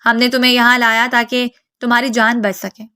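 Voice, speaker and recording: Brief: tender young man, soft and pleading, fairly high-pitched voice, read by a woman narrator. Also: little pitch movement, clean tone, no echo, studio quality. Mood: gentle. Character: gentle protective young man, tender and anxious.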